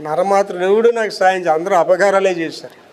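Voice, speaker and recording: Male preacher, high tenor, emphatic sermon style, rhetorical questions, slow deliberate scripture readings. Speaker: pastor.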